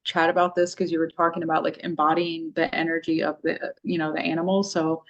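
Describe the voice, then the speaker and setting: A woman's voice: low-pitched, flat delivery, a little fast, muffled recording. A woman in casual spiritual conversation, chatty and full of "like" as she tells a personal story.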